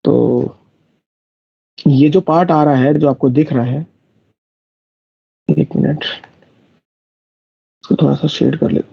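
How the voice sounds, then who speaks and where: A man's voice: on the high side, fairly even intonation, slow pace, creaky, long pauses, breathy edge, dry recording. A man teaching math in a live online class, explaining step by step and checking whether his students follow. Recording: dull lo-fi dry recording.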